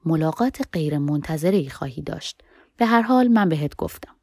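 A woman voicing a young woman friend who teases in a lively, insistent way. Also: deep voice, no room sound, studio quality. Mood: teasing. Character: teasing young woman friend reading horoscopes.

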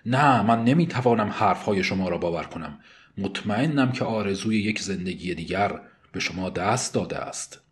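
Man voicing a tired, kindly prison priest for an audiobook; earnest and pleading, lowish voice. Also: expressive. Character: weary, gentle male prison priest.

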